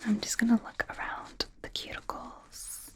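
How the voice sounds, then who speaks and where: An ASMR performer whispers breathily as an awkward, curious young female werewolf doctor, gentle and apologetic. Her lightly acted delivery is hesitant and halting yet softly reassuring, with a gently clinical mood.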